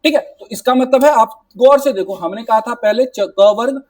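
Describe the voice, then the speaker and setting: Male teacher, exam-prep lecture, high voice, dry room, set back from the mic. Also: no echo, distant mic. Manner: explanatory, repetitive, mixes English words, says "ठीक है" and "है ना" often; demonstrates sounds slowly. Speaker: Hindi teacher. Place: classroom.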